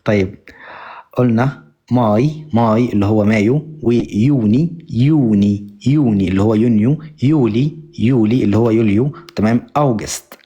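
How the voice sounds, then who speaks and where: A man's voice: fairly low pitch, moderate pace, warm tone, breathy edge, highs cut off. A young Egyptian man teaching German on a live stream, repeating each word over and over and thanking viewers often. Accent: Egyptian Arabic. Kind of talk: live-stream language lesson.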